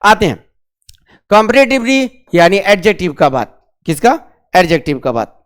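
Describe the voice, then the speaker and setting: A man's voice: high voice, big pitch swings, a bit bright. A male grammar teacher giving a classroom lesson, asking the class questions and repeating key terms. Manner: drills slowly on key terms.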